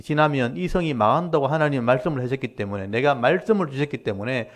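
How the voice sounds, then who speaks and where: A man, a pastor, preaching a sermon and explaining scripture to his congregation in a direct, conversational way, with lively rises and falls for emphasis. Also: medium pitch, fast talker. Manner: animated preaching with rising and falling emphasis. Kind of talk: Korean Wednesday-service sermon.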